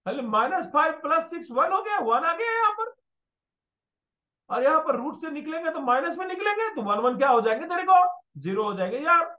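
A man teaching maths in an animated, storytelling way, at times raising his voice. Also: extremely high pitch, a little fast, highs cut off. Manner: animated, storytelling, bursts of shouting. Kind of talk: animated classroom lesson with anecdotes.

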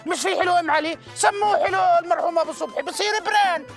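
High voiced jordanian guy yelling and scolding fast in a comedy sketch, music under it. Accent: Jordanian Arabic. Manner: blustering, scolding, loud. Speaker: lead comic actor.

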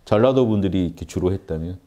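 Male meditation teacher, low mellow voice, earnest lecturing delivery with repeated phrases. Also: fast, lo-fi sound. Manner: earnest, repetitive, rising emphasis on key words. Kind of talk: spiritual lecture.

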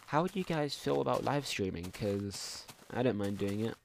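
Young man rambling over a game, low voice. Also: lively intonation, moderate pace, gravelly, slight background noise. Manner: rambling, mumbling asides. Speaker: gaming channel host. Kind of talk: casual let's play commentary.

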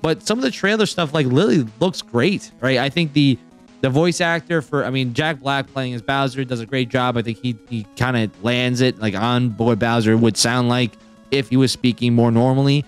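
A man hosting a casual roundtable chat, rambling and excitable, full of filler words. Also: mid-range voice, moderate pace, clear, resonant tone, soft background music. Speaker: podcast host.

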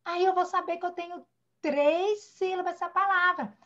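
A woman teacher with a Brazilian accent guides young children through an online class. Her voice is high and bright, and she is patient and tender as she sounds out words syllable by syllable. Everything comes through the dull, muffled audio of a video call. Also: steady tone, normal speed. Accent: Brazilian Portuguese. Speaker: primary school teacher. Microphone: computer or phone mic on a video call.

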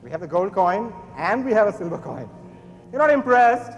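A man's voice: sits high, sing-song, moderate pace, muffled recording. A young man doing playful, showy stage magician patter like a kids party magician, instructing his audience. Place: large auditorium stage before an audience. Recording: echoey hall, long reverb, faint music.

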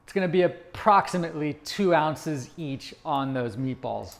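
In his thirties, a man hosts a home cooking video in a kitchen, explaining each step upbeat to the camera. His voice is slightly high, animated, and creaky at normal speed, with faint music behind.

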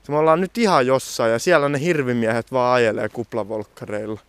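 A man's voice: mid-range voice, clear, resonant tone, no echo. A young man talking casually outdoors in a forest, joking in a mock-dramatic nature-guide manner as he films his walk. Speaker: vlogger. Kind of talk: casual outdoor vlog commentary.

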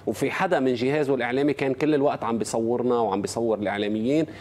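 A man's voice: medium pitch, steady tone, racing, darkish tone. A man with a Lebanese accent, a sports journalist on a morning show, explaining football news with frequent hesitations. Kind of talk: casual TV interview.

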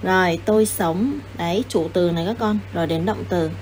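A woman teaching English to children, patient and coaxing, repeating and spelling words out slowly. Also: fairly low pitch, a little mellow, slight background noise. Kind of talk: explaining a lesson.

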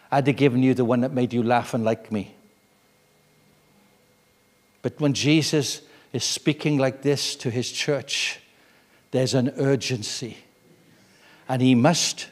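A man in his sixties preaching a sermon, swinging between loud urgent emphasis and hushed intimate tones. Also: medium pitch. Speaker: guest preacher. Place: church. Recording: reverberant church hall.

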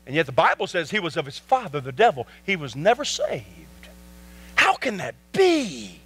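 A male pastor preaching a sermon with emphasis, repeating rhetorical questions and swinging from soft asides to loud peaks. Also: a little high, big pitch swings, fast talker, breathy edge.

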